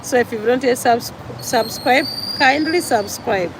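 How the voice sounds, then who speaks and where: A Ugandan woman with a Ugandan accent speaks slowly and deliberately in a slightly high voice, repeating her points in an earnest, preachy vlog monologue. She records outdoors by a road, and clear traffic noise runs behind her voice. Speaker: vlogger.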